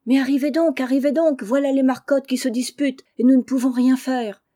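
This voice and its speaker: A woman voicing an eager, excited young boy. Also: on the high side, normal speed, pitched above the performer's own voice. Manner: eager and breathless.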